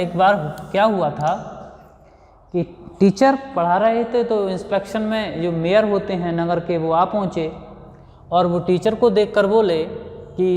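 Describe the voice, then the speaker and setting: Indian guy teaching grammar to kids, slow and patient, highish voice, echoey classroom sound. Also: darkish tone. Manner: patient, explanatory, repeats and restates points. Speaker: school teacher. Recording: echoey room with long reverb.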